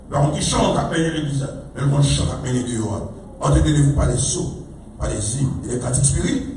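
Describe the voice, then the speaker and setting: A man with a Haitian French accent preaching a sermon, emphatic and repetitive, calling out to the congregation. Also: on the high side. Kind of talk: sermon teaching. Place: church hall. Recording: echoey hall, mic far off, faint noise.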